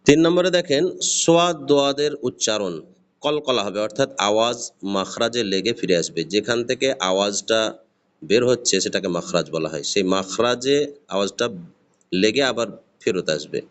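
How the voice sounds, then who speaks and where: A man's voice: lowish voice, moderate pace. A man with a Bangladeshi Bengali accent, giving a patient recorded lesson on reading Arabic letters and sounding them out one by one. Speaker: Arabic alphabet teacher.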